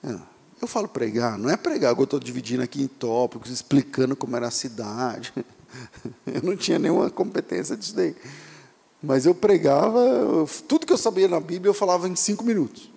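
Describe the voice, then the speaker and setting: A man with a Brazilian Portuguese accent preaching a sermon as pastor, animated and speaking directly to his listeners. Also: on the high side, a little fast, gravelly, slightly rough, big-room sound.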